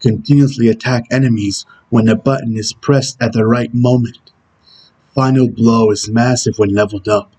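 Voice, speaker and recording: A man voicing a stern, brooding video game antihero who gives terse tutorial instructions in a husky voice. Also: mid-range voice, steady tone, moderate pace, warm tone, close to an everyday voice, poor audio. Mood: stern, instructional. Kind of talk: character impression reading game tutorial instructions.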